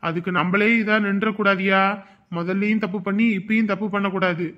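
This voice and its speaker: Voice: medium pitch, steady tone, brisk, lo-fi sound, lightly acted. A voice actor playing a suspicious male villager who rants indignantly. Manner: ranting, indignant.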